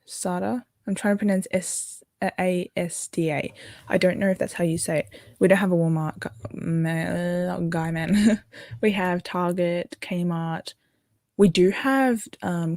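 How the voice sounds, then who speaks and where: Young Aussie woman, casual streamer, lowish, rambling delivery, dry close recording. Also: unhurried, darkish tone, no echo. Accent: Australian. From Australia. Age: young adult. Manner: chatty and rambling, with fillers and self-corrections. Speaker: livestream host. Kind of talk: casual livestream chat, reading viewer comments.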